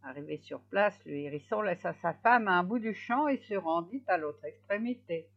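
A woman reading a fairy tale aloud in an expressive way, slowing down for effect. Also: lowish voice. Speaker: storyteller. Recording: slightly dull lo-fi recording.

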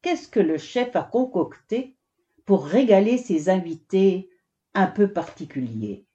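A woman presenting and reading from a picture book in a slow lively manner, on a dull lo-fi recording. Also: medium pitch. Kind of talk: storybook reading and review.

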